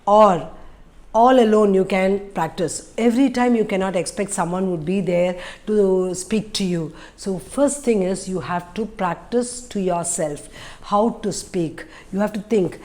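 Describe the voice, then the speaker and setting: A woman's voice: mid-range voice, unhurried, a little mellow. A middle-aged woman with an Indian English accent gives an informal lesson to camera, didactic and emphatic, repeating her key points. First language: an Indian language. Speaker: English teacher giving learning tips. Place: small room indoors.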